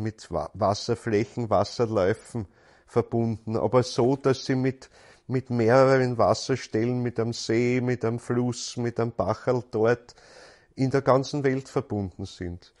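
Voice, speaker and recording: A man's voice: mid-range voice, darkish tone. A man gives a spiritual lecture in a thoughtful, searching way, often repeating words as he goes.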